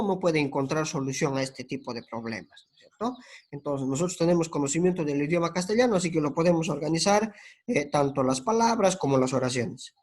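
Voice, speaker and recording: Un hombre que da una clase de lingüística con acento boliviano, explica despacio, deletrea sonidos y letras y suele añadir preguntas como "¿no es cierto?". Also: male voice, mid-range voice. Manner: explains slowly, spells out sounds and letters, many tag questions. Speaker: teacher. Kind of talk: lecture.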